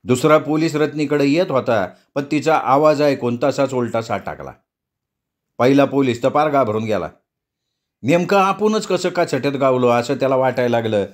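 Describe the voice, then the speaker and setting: A man reads a story aloud in a vivid, earthy storytelling manner. His voice is mid-pitched and ordinary for a man. The narration flows steadily through description. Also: animated, normal speed. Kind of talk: storytelling reading.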